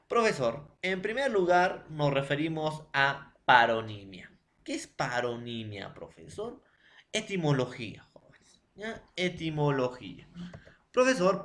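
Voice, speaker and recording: A man's voice: mid-range voice, a bit bright. A man teaching a secondary school lesson. He repeats points, asks his own questions and answers them. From Peru. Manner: addresses students as "jóvenes". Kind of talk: recorded classroom lesson.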